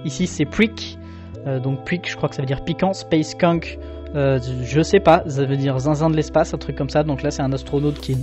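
A man's voice: fairly high pitch, normal speed, faint music behind. Casual self-mocking young Frenchman. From France. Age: young adult. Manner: relaxed, self-mocking, many fillers. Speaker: artist showing his sketchbook. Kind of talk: casual commentary.

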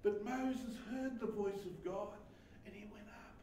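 A man preaching a sermon as pastor, switching between quiet asides and loud, emphatic passages with chuckles. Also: high voice, unhurried, slight background noise. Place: church hall. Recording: echoey hall, voice from far off.

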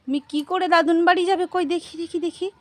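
A woman playing a mother in a family comedy skit, talking in an animated, teasing, sing-song way. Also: extremely high pitch, fast, no echo.

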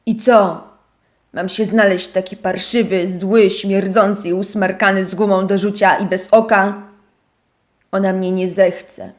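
A woman voicing a grumpy male teddy bear who believes he is a rat, gruff and sulky, in a children's audio story. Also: medium pitch, a little slow, voice pushed down, natural voice.

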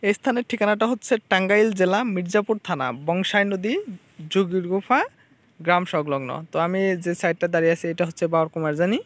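A man from Bangladesh talks to viewers while filming outdoors by a river. His voice sits a little high and stays level, with little rise and fall. He speaks plainly into a handheld phone and keeps pointing things out. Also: steady tone, quick pace, a bit bright, dry recording. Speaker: fishing channel vlogger. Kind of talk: casual riverside walkthrough vlog.

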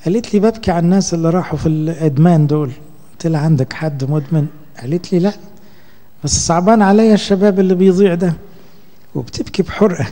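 A man with an Egyptian Arabic accent, a priest giving a conversational sermon and slowing down when he quotes scripture. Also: a little high, dark tone, big-room sound. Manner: conversational preaching, slow when quoting scripture.

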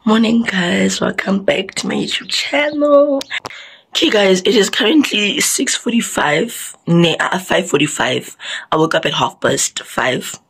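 A young woman from South Africa, talking to her camera in a casual vlog, chatty and rambling, with a husky, lowered morning voice. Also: lively intonation, a little slow, a bit bright, poor audio. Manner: chatty, rambling, self-mocking. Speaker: vlogger.

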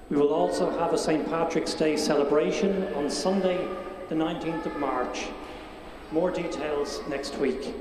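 A man's voice: fairly high pitch, noisy background. Man reading notices with heavy cathedral echo. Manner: plain, businesslike reading of notices. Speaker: deacon reading parish announcements. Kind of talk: parish announcements at Mass. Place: large cathedral during Mass. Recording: heavily echoing cathedral with long reverb.

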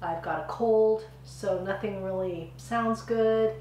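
Her voice is medium-pitched, slow and warm: a middle-aged woman running a cooking channel, a little hoarse from a cold. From her roomy home kitchen, where faint room noise lingers, she offers friendly, chatty, step-by-step directions in a casual demo.

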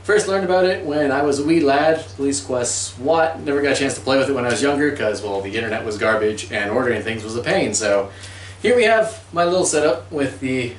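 A man's voice: medium pitch, a little hiss or hum. A middle-aged man giving a casual, jokey gear review to camera in a chatty, informal way. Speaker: host of an airsoft gear channel. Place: small furnished room at home, indoors. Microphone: camera a few steps away. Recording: roomy echo, distant camera mic.

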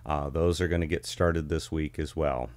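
A middle-aged man chatting casually as a vlog host, with the warm, rich sound of a vintage ribbon mic in a home studio. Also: extremely low pitch, fairly even intonation, normal speed, no echo. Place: small home studio with curtain backdrop. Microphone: studio ribbon microphone close in front.

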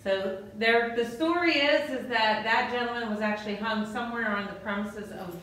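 A woman's voice: a little high, normal speed, fairly bright tone. Woman tour guide in a very echoey room. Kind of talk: informal guided tour, explaining exhibits. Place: indoor museum rooms. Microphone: handheld camera, off-screen speaker. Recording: very echoey room, faint noise.

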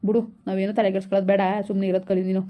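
A woman playing a gentle young village husband who keeps coaxing his pregnant wife. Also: mid-range voice, little pitch movement, racing, lo-fi sound, close to an everyday voice. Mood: soothing. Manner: soothing, repetitive coaxing. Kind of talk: village skit acting.

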